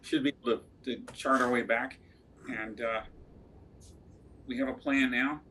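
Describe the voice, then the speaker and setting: A man's voice: medium pitch, fairly even intonation, a little slow, bright, forceful tone, slight background noise. Hesitant man playing a tabletop game. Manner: hesitant, many fillers. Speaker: player. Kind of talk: tabletop game play, casual chat.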